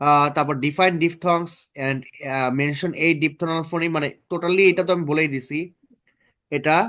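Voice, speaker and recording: A man's voice: on the high side, steady tone, takes it slowly, a bit bright. A man tutoring students through exam topics in a casual online lesson, often checking in with them.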